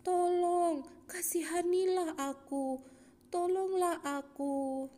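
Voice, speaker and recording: A woman voicing a blind male beggar, pleading and calling out in loud, high cries in a children's Bible story. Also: steady tone, slow, big-room sound.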